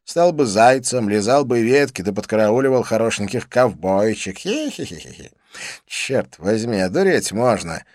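A man's voice: fairly low pitch, normal speed, hardly any pauses, dry recording, clean studio sound, lightly acted. A man doing a manic, giggly wild young man. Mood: manic glee. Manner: raised, loud, exclaiming delivery with giggles.

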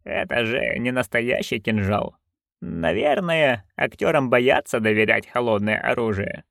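A man voicing a stern, commanding old witch in an audiobook, speaking low, curt and dry. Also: sing-song, measured pace, creaky, a bit bright, no room sound, full character voice. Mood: calm. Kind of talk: audiobook reading.

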